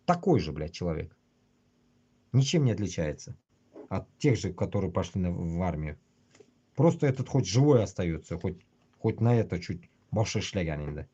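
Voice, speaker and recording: Husky man ranting, swinging pitch. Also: very animated, normal speed, warm tone, lo-fi sound. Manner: blunt, constantly swearing. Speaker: livestream host. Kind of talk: casual rambling livestream rant.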